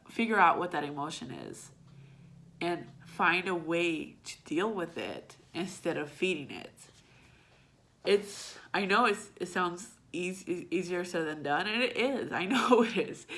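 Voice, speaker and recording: A woman's voice: fairly low pitch, expressive, measured pace, a bit bright. A young woman vlogging candidly about her personal struggles, raw, emotional and blunt, with frequent swearing.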